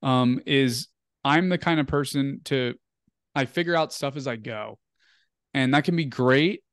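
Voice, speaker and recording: A man's voice: mid-range voice, a little slow, a bit bright, clean tone, no echo, clean studio sound. A young man telling a story as an interview guest, casual and rambling, full of "like" and "um". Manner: rambling, filler-heavy, "like" and "um" often.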